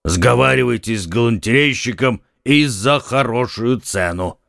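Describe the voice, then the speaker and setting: A man voicing a boastful, loose-tongued young musketeer in an audiobook, teasing and loud-mouthed. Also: mid-range voice, unhurried, creaky, dry recording, studio quality. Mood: mocking. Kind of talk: audiobook character reading.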